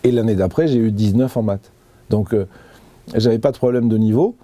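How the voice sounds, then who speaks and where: A man's voice: fairly low pitch, a little fast, warm tone, no echo. A man being interviewed, giving an earnest personal account with many hesitations and restarts. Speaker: interview guest.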